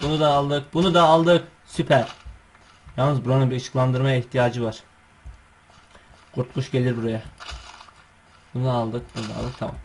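A man hosting his gaming channel, giving chatty, excitable gameplay commentary full of coaxing calls and slangy asides. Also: medium pitch, a little hiss or hum.

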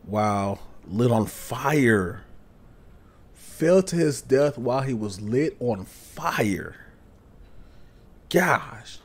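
A man giving horror game playthrough commentary as a streamer, halting and hushed as he talks to himself. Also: medium pitch, lively intonation. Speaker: gaming streamer.

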